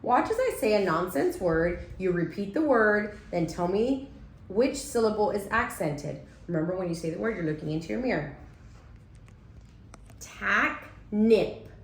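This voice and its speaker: A woman teacher of middling pitch leads a demonstration reading lesson at an unhurried, patient pace, often pausing to check her listeners are following. The room is noticeably echoey, with a faint hum of ambience underneath. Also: lively intonation.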